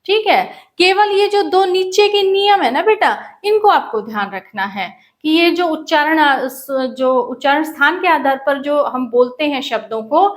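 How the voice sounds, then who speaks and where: A woman teaches a grammar lesson at an unhurried pace. Her voice sits high, and she breaks each example into small pieces. She repeats her questions to the students before giving the answer herself.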